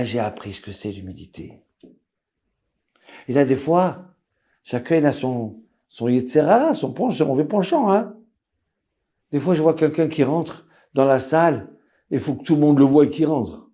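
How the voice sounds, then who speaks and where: A man, a rabbi, giving an animated storytelling sermon and acting out the voices of the people in it. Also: medium pitch. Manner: lively swings between loud and hushed.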